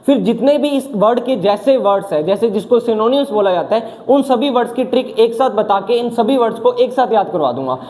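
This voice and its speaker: A male teacher leading a vocabulary class, asking quick questions and answering them himself, with English words mixed in. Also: extremely high pitch, animated, darkish tone. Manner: mixes English words into his talk.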